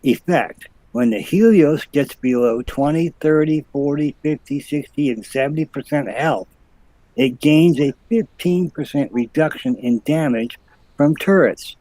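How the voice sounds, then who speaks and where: Man reading stat lists slowly. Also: a little high, animated, mellow, no echo, rough recording. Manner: methodical list reading. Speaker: live show co-host. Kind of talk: reading item stats on a live stream.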